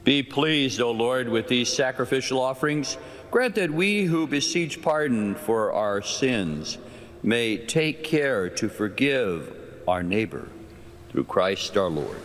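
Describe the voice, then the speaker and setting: A man, a priest celebrating Mass, reciting solemn liturgical prayers in a slow, measured, intoning way, with a cathedral echo. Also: mid-range voice, lively intonation, a bit bright. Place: large cathedral, indoors. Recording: long reverb in a large cathedral.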